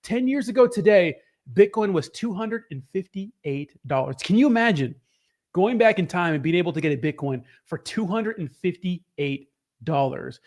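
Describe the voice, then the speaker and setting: A male live stream host with a notably high voice that sounds a little hoarse. He chats casually and upbeat, mixing market news with slangy, informal greetings to his viewers. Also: lively intonation, moderate pace. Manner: upbeat, informal hype with slangy shout-outs. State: slightly hoarse voice.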